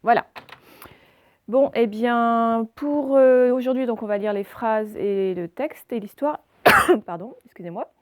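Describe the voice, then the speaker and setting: A woman primary school teacher records a reading and handwriting lesson for young children, explaining step by step, hesitating often and spelling out letters. Her voice is fairly high with a measured pace and no echo.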